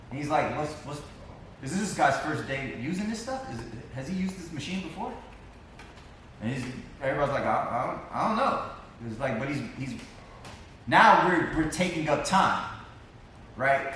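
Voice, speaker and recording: A man's voice: on the high side, fairly bright tone, a little hiss or hum. A man teaching a class in a casual storytelling way, repeating phrases for emphasis. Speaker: film teacher. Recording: echoey classroom from far off.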